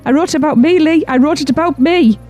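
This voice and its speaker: A woman playing an anxious young wife, speaking quickly and worriedly. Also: high voice, warm tone, soft background music, pitched above the performer's own voice, natural voice. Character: anxious young wife who fears her writing.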